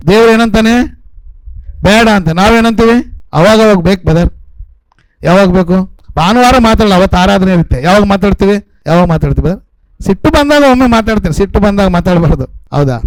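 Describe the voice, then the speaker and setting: High-voiced preacher with a North Karnataka accent. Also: male voice, a little mellow, no echo, poor audio. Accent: North Karnataka Kannada. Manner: keeps quizzing the congregation, repeats phrases. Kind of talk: sermon with call-and-response questions. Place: church in a coastal city.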